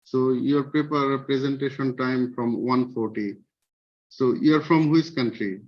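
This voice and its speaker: A man chairing a conference session over a video call, speaking in loose, halting, informal phrases. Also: mid-range voice, fairly even intonation. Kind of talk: casual organizing talk. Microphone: computer mic on a video call. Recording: dull lo-fi online call audio.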